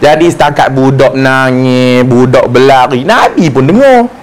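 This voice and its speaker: A man giving a lively, joking religious lecture and acting out the voices he quotes. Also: medium pitch, normal speed. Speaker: religious teacher. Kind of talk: humorous mosque lecture.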